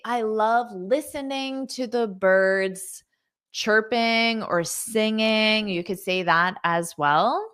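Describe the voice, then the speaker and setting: Woman English teacher, slow unhurried delivery, patient, repeats each phrase, praises viewer comments. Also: fairly low pitch, fairly bright tone. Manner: patient, explains slowly and repeats words. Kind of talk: live online English lesson.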